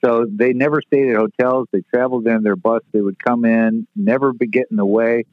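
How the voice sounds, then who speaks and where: Speaking at a brisk clip with medium pitch and fairly even intonation, a man in his sixties recounts stories brashly and profanely. He's a retired stage manager in a casual storytelling interview, heard over a tinny, phone-like line with no echo at all.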